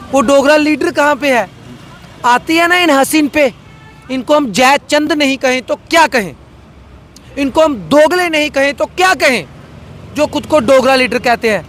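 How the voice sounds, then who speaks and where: A man's voice: very high voice, a bit bright. A man, a social activist, speaking with fiery, rhetorical passion in a political interview, repeating phrases for emphasis. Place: outdoors by a road.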